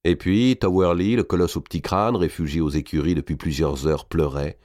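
A man reading a historical novel aloud in a dramatic, measured narration. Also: low-pitched, fairly even intonation, a little mellow, dry recording, clean studio sound.

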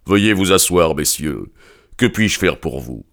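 Irascible old professor, low and cutting, menacing, as a male reader puts him on. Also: lively intonation, unhurried, fairly bright tone, full character voice. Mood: courteous. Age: older. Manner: stern, harsh, suspicious. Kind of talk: audiobook character reading.

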